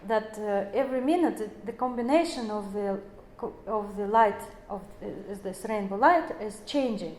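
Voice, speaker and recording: A woman's voice: medium pitch, moderate pace, hardly any pauses, a little mellow. A woman in her forties giving an explanatory lecture, speaking English as a with many fillers and self-corrections. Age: 40s. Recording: echoey room.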